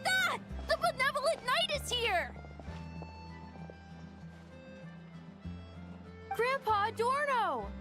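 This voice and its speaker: A woman's voice: extremely high pitch, sing-song, unhurried, over music, heavily acted. A woman voicing a small, eager, fussy childlike villager in an anime-style video game. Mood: delighted.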